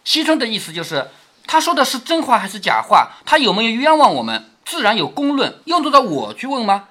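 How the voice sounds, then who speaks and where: A man retells a classic novel and stops to explain it, often posing rhetorical questions. His voice is bright and slightly husky. His pitch moves very expressively. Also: huge pitch swings, brisk. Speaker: narrator and commentator reading a classic novel. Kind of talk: storytelling with commentary.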